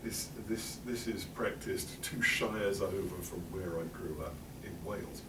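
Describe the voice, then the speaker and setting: This English presenter, middle-aged and low-voiced, talks a little slowly in a library meeting room, keeping things wry and chatty with plenty of fillers and asides. The recording is very noisy, made in a roomy hall with him far from the mic.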